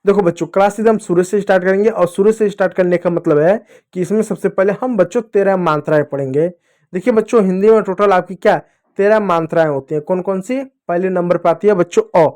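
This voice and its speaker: High-voiced man teaching kids to read. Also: a little mellow. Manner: repeats questions to the class, drills sounds slowly. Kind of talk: children's Hindi reading lesson.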